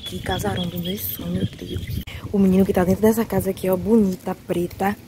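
A young woman chatting excitedly in a casual vlog, often dropping to whispered asides, filmed on a handheld phone as she walks outdoors and through a big house. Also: medium pitch, fairly quick, background noise. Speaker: vlogger. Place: outdoors walking a street, then inside a large house.

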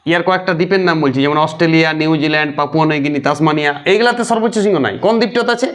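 A man teaching a geography lesson for exam prep, repeating key names slowly and quizzing his viewers. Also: fairly high pitch.

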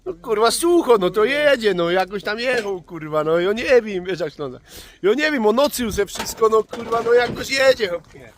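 A man talks straight to his viewers about his days on the road, his voice a touch higher than most men's. He rambles from one story to the next and swears as casually as he breathes. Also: expressive, moderate pace, slight background noise. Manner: rambling, swears freely, calls listener "chłopie". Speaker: vlog host, tow truck driver.

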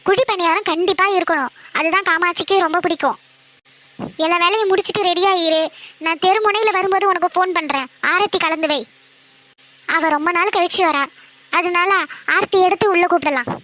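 A woman voicing a bossy older mother-in-law in an animated cartoon, giving brisk orders. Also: extremely high pitch. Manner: brisk, commanding.

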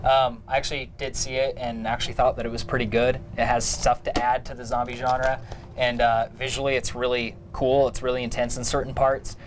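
Fast-talking man giving movie opinions. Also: mid-range voice, flat delivery. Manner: quick, enthusiastic opinions. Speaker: co-host. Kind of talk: casual chat.

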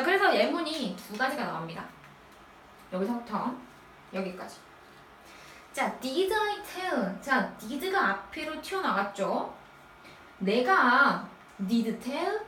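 A woman teaching middle school English in a recorded lecture. She asks quick questions and answers them herself, going through the material step by step. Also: on the high side, a bit bright, far from the mic, a little hiss or hum. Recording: echoey room, voice off-mic.

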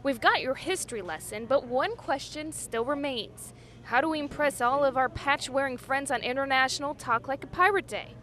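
High-voiced playful woman news reporter. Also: moderate pace, fairly bright tone. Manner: playful, uses pirate phrases. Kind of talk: upbeat news feature narration.

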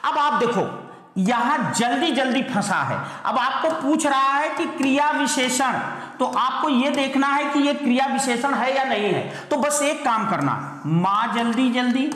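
A man's voice: very high voice, lively intonation, sharp tone. Echoey male teacher drilling grammar. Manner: drills students with repeated questions, calls them "beta"; slows right down to spell out example sentences. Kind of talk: online exam-prep grammar lesson. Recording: very echoey room with long reverb.

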